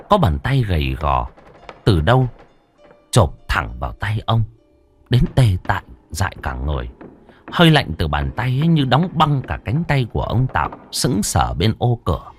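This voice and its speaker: A man narrating a ghost story with a dramatic, swooping delivery. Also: fairly low pitch.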